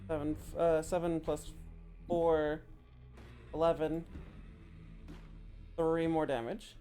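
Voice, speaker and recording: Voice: mid-range voice, little pitch movement, slow, warm tone, soft background music. A tabletop game player talking casually and working out dice totals aloud. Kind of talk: casual gaming chat, counting dice.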